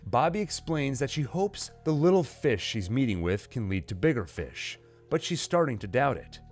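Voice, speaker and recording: This man's voice sits at medium pitch, slightly mellow, delivered at normal speed and with great animation. Like a host, he narrates a dramatized, scripted story recap and performs the quoted lines himself, while dramatic music and sound effects run underneath.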